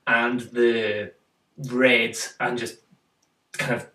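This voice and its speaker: A man's voice: mid-range voice, level tone, very slow, sharp tone. A man hosting a casual photo critique, talking through pictures and quizzing his co-host. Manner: chatty, uses fillers, quizzes co-host. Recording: roomy, mic at a distance.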